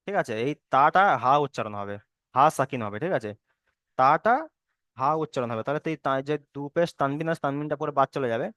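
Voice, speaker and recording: Patient male teacher, slow repetition. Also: medium pitch, fairly bright tone, no room sound, clean studio sound. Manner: patient, repeats each rule slowly, chants Arabic verses drawn out. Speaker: Quran reading teacher. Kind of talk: step-by-step recitation lesson.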